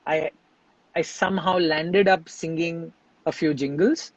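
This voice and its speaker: Male singer, high voice, thoughtful and halting, dry close sound. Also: fairly even intonation, dry recording, dull audio. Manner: reflective, halting with frequent restarts. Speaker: singer and composer, interview guest. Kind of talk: relaxed interview conversation.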